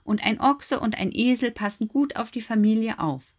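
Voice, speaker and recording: A woman's voice: on the high side, normal speed, voice pushed up, natural voice. A woman voicing a wise, helpful female owl who guides the other animals, speaking eagerly in a raised voice. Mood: excited.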